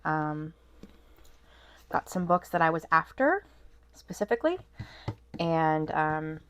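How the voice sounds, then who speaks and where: Congested and nasal from a cold, this vlog host chats about a haul from her home desk, rambling with many ums and restarts. Her low voice is sing-song and slow, with a fairly bright, clear, resonant tone.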